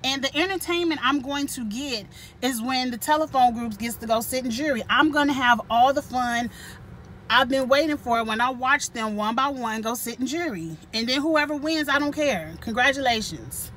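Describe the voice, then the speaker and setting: Blunt, bright-voiced woman vlogger. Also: high voice, moderate pace, a little hiss or hum. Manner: blunt, profane and outspoken, with frequent laughs; talks straight to viewers. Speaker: channel host reviewing a reality show. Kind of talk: casual vlog commentary.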